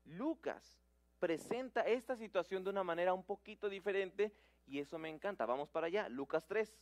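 A man preaching a sermon, animated and with a slightly hoarse throat, who acts out the Bible quotes. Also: sits high, a little fast, no room sound.

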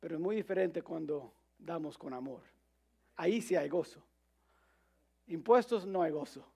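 Man, pastor, high voice, gravelly tone, sermon, stumbling storyteller. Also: moderate pace, dark tone. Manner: storytelling, with frequent restarts and fillers.

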